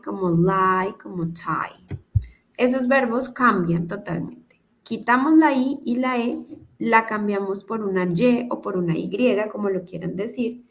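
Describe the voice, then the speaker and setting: A woman's voice: fairly high pitch, a bit bright, slight background noise. Patient woman teaching English grammar. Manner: patient, step-by-step, asks "¿listo?" often. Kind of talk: online class explanation. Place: video call.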